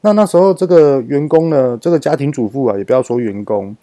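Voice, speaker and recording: A man tells a story from running his business, his voice warm and mellow. He recorded it in a dry, deadened space. He acts out the quoted back-and-forth in his story with plenty of life. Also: mid-range voice, fairly quick, no room sound. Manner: lively retelling that acts out quoted dialogue. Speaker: business owner. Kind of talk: personal storytelling.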